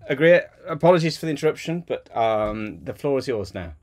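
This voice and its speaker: A man's voice: mid-range voice, lively intonation, a little fast. A man chairing an online community call in a chatty way, with many fillers, over a video call mic. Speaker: meeting chair.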